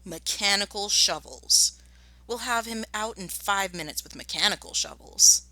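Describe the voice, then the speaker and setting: A woman's voice: medium pitch, animated, normal speed, sharp tone, no echo, low-quality recording. A woman reading a storybook as a thin, grimy, angry farmer man, bossy and menacing with emphatic delivery. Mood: commanding.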